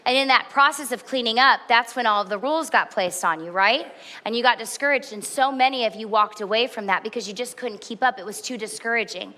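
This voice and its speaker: A woman's voice: a little high, a little fast, pushed and bright. A woman in her forties preaching a sermon, earnest and candid, with emphatic repetition. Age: 40s. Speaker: pastor.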